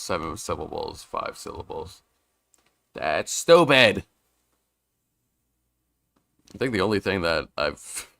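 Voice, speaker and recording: A man's voice: low voice, vocal fry, fairly bright tone, no echo. A man streaming a video game, commenting in a self-deprecating, exclamatory way.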